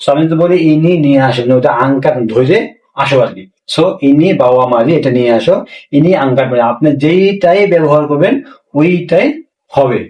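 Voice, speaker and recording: A man's voice: a little high, darkish tone, far from the mic. Man teaching phrases in an echoey room. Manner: slow, repetitive drilling of phrases with many fillers. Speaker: language teacher. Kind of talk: casual spoken language lesson.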